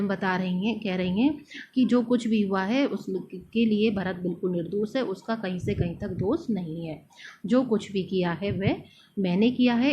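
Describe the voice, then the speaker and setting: A woman teacher reciting poem verses slowly and then explaining them line by line, often pausing with fillers. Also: mid-range voice. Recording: dull lo-fi recording, faint noise.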